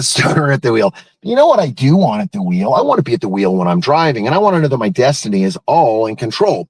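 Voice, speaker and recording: A man's voice: mid-range voice, no room sound. A man hosting a live morning show in a casual, folksy, rambling way, wandering from one thought to the next.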